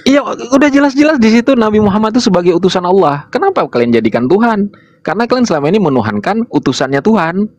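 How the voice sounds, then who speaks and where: Guy lecturing hard in a debate, mid pitch, dry close sound. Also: big pitch swings, quick pace, a little mellow, dry recording. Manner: lecturing, insistent, rhetorical questions. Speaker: host of online debate. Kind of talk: heated religious debate.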